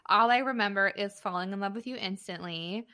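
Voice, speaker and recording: A woman's voice: medium pitch, fairly quick, bright, forceful tone, smooth. A woman co-hosting a podcast, chatting in an effusive way and laughing easily. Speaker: podcast co-host. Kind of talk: casual podcast chat.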